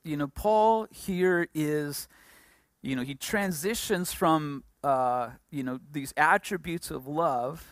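A woman explains scripture in short stretches, stumbling and restarting as she goes. Her voice sits low and the sound is dry. She waits between phrases for her interpreter. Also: no room sound. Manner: halting, many fillers and restarts. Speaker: preacher. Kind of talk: Bible teaching with live interpreter.

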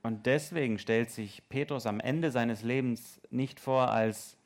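A man interpreting a sermon live, with a gravelly, creaky voice at a middle pitch. He moves quickly, filling with "äh" and correcting himself, and slows when reading scripture aloud.

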